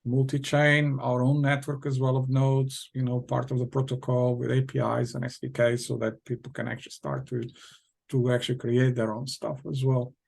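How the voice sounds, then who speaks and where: Gravelly man with a Portuguese accent. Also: medium pitch, flat delivery, moderate pace, darkish tone. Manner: hesitant, many fillers and restarts, laughs often. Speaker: guest, tech company founder. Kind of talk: casual interview talk.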